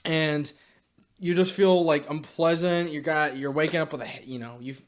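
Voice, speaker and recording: A man's voice: a little high, steady tone, normal speed. Blunt, exasperated young man ranting. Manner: blunt, exasperated, swears casually. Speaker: YouTube commentator. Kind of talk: direct-to-camera rant.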